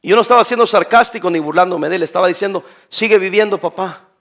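Animated older pastor preaching. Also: male voice, high-pitched, quick pace. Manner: animated preaching, swings from soft to shouting. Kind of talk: sermon.

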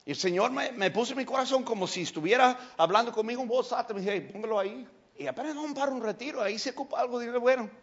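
A male pastor preaching a sermon, telling stories in an animated way and breaking into shouts. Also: very high-pitched, racing, hardly any pauses, lo-fi sound.

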